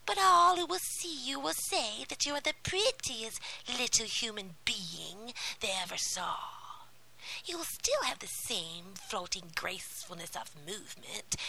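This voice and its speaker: A woman voicing a scheming old female sea witch in a whispered role-play fairy tale, shrill and drawn out. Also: creaky, pushed and bright, full character voice, rough recording. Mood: menacing.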